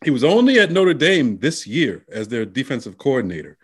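A man's voice: mid-range voice, sing-song, a little fast, slightly rough. Male sports talk co-host, casual and rambling. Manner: rambling, many fillers and restarts.

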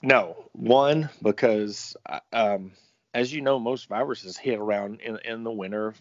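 A man's voice: lowish voice, measured pace. A man talking sports casually as a commentator, in a rambling, folksy way. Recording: roomy, echoing, muffled audio.

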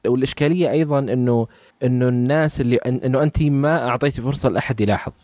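Hesitant podcast host with a mellow voice. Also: male voice, mid-range voice, no echo. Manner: hesitant, halting, with many restarts and fillers. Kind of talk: interview questions and summaries.

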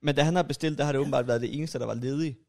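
A man co-hosting a casual podcast, lively, often laughing as he tells the story and correcting the others. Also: mid-range voice, creaky. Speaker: podcast co-host. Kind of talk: casual chat.

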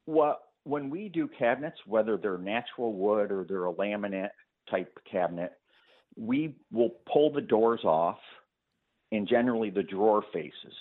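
A lower-voiced man talks through a tinny, phone-like line on a radio call-in show. He explains his painting work patiently, with lots of fillers, and laughs easily. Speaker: painting contractor guest. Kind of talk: phone-in interview.

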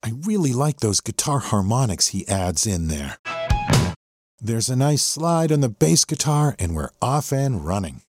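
An American podcast host walks listeners through a song on his music show, full of enthusiasm. His mid-range voice is very animated but unhurried as he delivers his music appreciation commentary.

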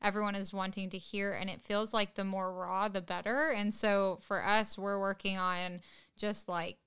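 A woman, co-hosting a podcast and telling stories in a giggly, animated way. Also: mid-range voice, normal speed, clear, resonant tone. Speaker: podcast co-host. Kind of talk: casual chat.

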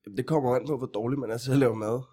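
A male comedian guest on a podcast builds absurd jokes at a middle pitch. He stammers and restarts before each punchline lands. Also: steady tone, warm tone. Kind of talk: comedic banter.

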